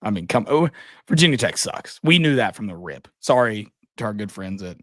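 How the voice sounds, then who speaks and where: A man's voice: lowish voice, sing-song, moderate pace, a bit bright, no echo, clean studio sound. A man co-hosting a podcast, chatting casually about college football in a blunt, joking way. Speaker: podcast co-host. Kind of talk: casual sports chat.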